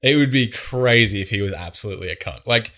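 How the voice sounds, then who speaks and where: A man's voice: fairly low pitch, fast, sharp tone. A man in casual podcast chat, talking loosely with slang and frequent swearing.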